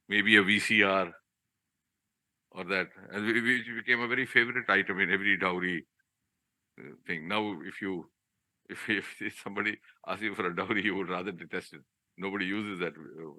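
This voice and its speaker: Older male, Indian accent, chief guest at a podium speech: low, sharply forceful voice, discursive and halting delivery. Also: no room sound. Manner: discursive, halting, with rhetorical questions. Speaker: chief guest speaker, public official. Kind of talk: podium speech to trainees in a hall. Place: auditorium hall, live address.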